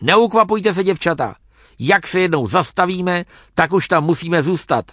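Vain old chief guy man putting it on, kinda high, sentimental, blows up fast. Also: animated, no echo, clean studio sound. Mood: lecturing. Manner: sentimental, flares into shouting.

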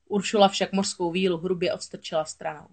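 A woman narrating a children's storybook aloud in a steady, expressive voice. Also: lowish voice.

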